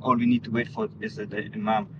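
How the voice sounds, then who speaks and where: On a muffled, lo-fi recording with clear background noise, a Danish man speaks as an interview guest in an earnest religious conversation. His voice is on the low side, his delivery flat and brisk.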